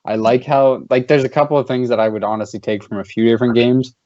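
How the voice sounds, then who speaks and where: A man's voice: mid-range voice, fast, darkish tone, no room sound. A man hosting a casual gaming chat, swearing freely and mimicking his friends. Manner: loose, profane, mimics friends. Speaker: podcast host. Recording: dull lo-fi stream audio.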